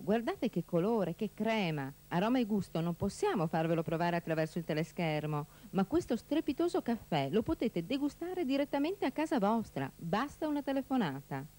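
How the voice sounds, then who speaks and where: Lively, mellow female infomercial voice-over. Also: medium pitch. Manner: persuasive, emphatic salesperson delivery with rhetorical questions. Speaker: telesales presenter. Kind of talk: scripted infomercial voice-over narration.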